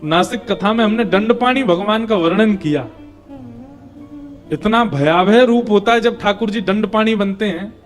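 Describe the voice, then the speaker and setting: A man's voice: high-pitched, a little slow, faint music behind. A young man preaching a devotional scripture discourse, telling the story with acted dialogue and chanting verses. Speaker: katha preacher.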